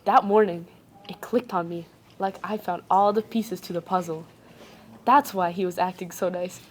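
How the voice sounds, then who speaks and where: A young adult woman with a fairly low voice, not a native English speaker, reads a ghost story aloud on a casual podcast. She reads haltingly, stumbling and breaking off to joke and laugh. There's slight background noise.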